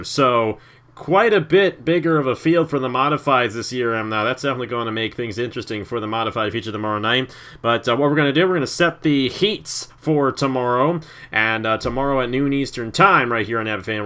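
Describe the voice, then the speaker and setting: A man calling an online stock car race with a bright, tense tone. He is upbeat and quick to tease his partner. His delivery keeps things moving between the drivers on the board. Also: mid-range voice. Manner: upbeat, teasing, talks quickly. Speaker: play-by-play commentator. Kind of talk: sim racing commentary.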